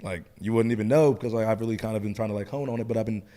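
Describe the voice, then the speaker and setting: A man with a slight lisp, co-hosting a podcast and chatting casually as a coach, talkative and animated when telling stories. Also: lowish voice, rapid-fire. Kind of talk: casual chat.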